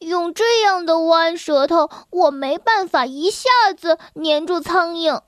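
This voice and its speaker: A woman's voice: very high-pitched, a little slow, dry recording, studio quality. A woman voicing a playful, mischievous young male frog in a children's storybook, with a teasing, giggly way of talking. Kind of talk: storybook reading.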